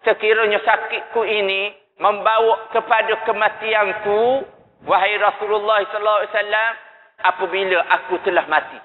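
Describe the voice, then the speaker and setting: Devoted dying wife, put on by a male preacher; slow, tender, echoey lo-fi hall. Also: high voice, steady tone, close to an everyday voice. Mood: pleading. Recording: echoey mosque hall, tinny lo-fi.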